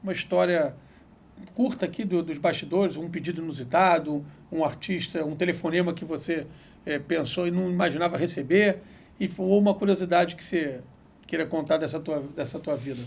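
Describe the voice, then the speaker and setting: A man with a raspy, gravelly voice running an interview. He speaks quickly in a fairly high register and asks long, winding questions. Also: a little mellow, a little hiss or hum. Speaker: interview host. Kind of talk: interview hosting.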